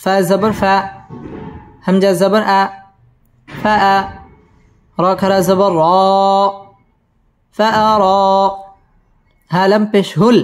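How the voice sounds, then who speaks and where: A man teaching tajweed who spells each word of a verse letter by letter, then recites it slowly and repeats it. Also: high voice, level tone, soft background music. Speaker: Quran teacher.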